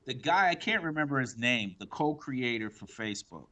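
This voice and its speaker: A man with a bright, forward voice talks in a laid-back, slangy way and laughs often. He sits a little away from the mic, so he sounds slightly distant. He speaks in a casual podcast chat. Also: mid-range voice, lively intonation, normal speed. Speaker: podcast co-host.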